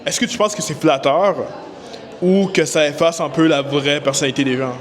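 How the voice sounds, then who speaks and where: A man's voice: on the high side, normal speed. A young man, a student, interviewing classmates with eager questions and then giving scripted commentary.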